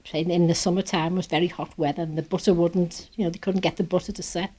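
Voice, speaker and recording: A woman's voice: lowish voice, flat delivery, fast talker, a little mellow, husky. An older woman with a Manx accent, reminiscing casually as an interviewee. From Isle of Man.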